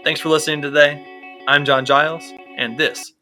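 A man's voice: fairly high pitch, little pitch movement, moderate pace, bright, forceful tone, faint music behind. A man hosting a casual sports podcast, talking loosely with plenty of fillers and restarts. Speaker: podcast host.

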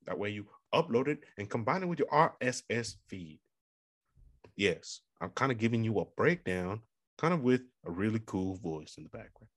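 A man's voice: lowish voice, big pitch swings, moderate pace, no echo, clean studio sound. A man hosting his own podcast alone, rambling playfully, plugging the show and giving motivational life advice. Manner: rambling, playful and self-promoting. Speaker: podcast host. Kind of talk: casual solo podcast monologue.

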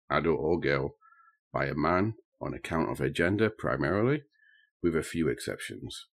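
Male podcast host with an extremely low voice, earnest scripted storytelling delivery. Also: vocal fry. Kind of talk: scripted true crime podcast narration.

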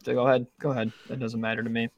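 A man's voice: mid-range voice, level tone, very fast, no room sound, dull audio. A young man co-hosting a casual sports betting podcast, talking in rambling bursts with many restarts and the odd swear word. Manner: rambling, self-interrupting, frequent restarts and swearing. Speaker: podcast co-host.

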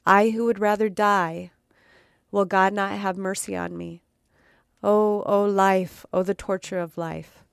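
A woman's voice: mid-range voice, fairly even intonation, measured pace, vocal fry, clean tone, no echo, clean studio sound. A woman putting on a tormented vampire count. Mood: anguished.

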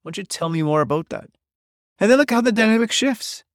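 A man's voice: high voice, expressive, fast, dry recording. Middle-aged male host, solo podcast, blunt and emphatic delivery, dry close-mic sound. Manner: blunt, emphatic, swears freely.

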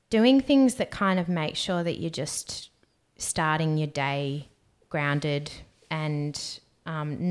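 This is a young woman with a notably low voice. She chats on a podcast in an easygoing, reflective way, reading out questions and talking about staying grounded. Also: clean tone. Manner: relaxed, reads out questions, talks about energies. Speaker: podcast co-host. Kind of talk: casual podcast chat.

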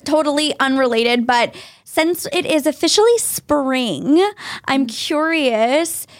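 A woman's voice: high-pitched, slow pace. A woman hosting an interview, bubbly and enthusiastic in her reactions. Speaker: podcast host. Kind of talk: casual interview.

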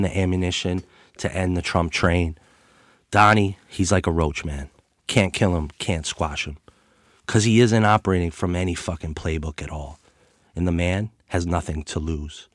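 A man's voice: fairly low pitch, a bit bright, dry recording, studio quality. A man hosting a political talk show and street interview, sick with a worn voice, speaking in a brash, profane, tough-guy way. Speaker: podcast host interviewing a guest.

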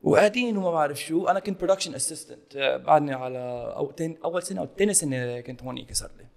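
A man's voice: on the high side, rapid-fire, vocal fry. A man with a Lebanese Levantine Arabic accent, co-hosting a casual chat, telling anecdotes and dropping in English phrases. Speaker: podcast co-host.

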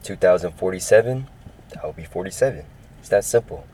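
An upbeat young Californian in his early twenties rambles and repeats himself while hosting his own casual sports podcast. His low voice is expressive and brisk, darkish with a breathy edge, and the audio quality is poor.

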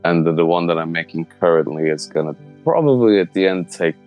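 A man, answering interview questions in a thoughtful, halting way. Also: low-pitched, animated, muffled recording, soft background music. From Slovenia. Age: 30s. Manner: thoughtful, halting, searching for words. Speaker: interviewee, illustrator.

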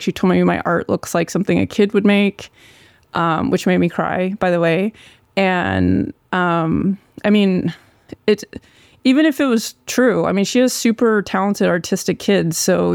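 A speaker with a gravelly, crackling vocal fry from a sore throat, telling a personal story in a candid, informal way with occasional swearing. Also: mid-range voice, darkish tone, no room sound, clean studio sound. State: long-running sore throat.

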